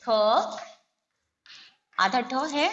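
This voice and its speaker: A woman's voice: a little high, extremely slow, bright, forceful tone. A woman teacher patiently explaining a lesson, breaking each word into its letters and vowel signs one at a time. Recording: echoey room, faint background noise.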